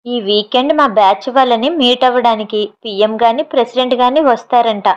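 A woman's voice: fairly high pitch, brisk, close to an everyday voice. A woman voicing a playful young woman officer who presses insistently for an answer, on a slightly dull recording.

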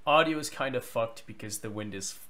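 A man's voice: mid-range voice, brisk, pushed and bright. A man hosting a vlog, talking casually to camera in a rambling, self-deprecating way. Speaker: vlogger host.

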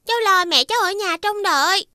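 A woman voicing a kind, caring little girl princess in an animated fairy tale. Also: very high-pitched, a little fast, no room sound, clean studio sound, heavily acted. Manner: bright, caring, childlike speech. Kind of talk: cartoon dub acting.

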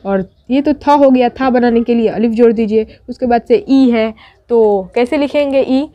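Woman tutor, high-ish voice, patient step-by-step explainer, dull lo-fi sound. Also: normal speed, mellow. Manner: patient, repeats and checks with "thik". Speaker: Urdu teacher. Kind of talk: step-by-step writing lesson.

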